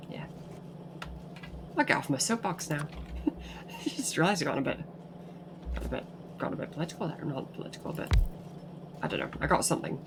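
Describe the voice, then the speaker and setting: Against a noisy background, a British woman with a deep voice chats casually while streaming a game, rambling and restarting often. Her accent shifts between English, Scottish, and American.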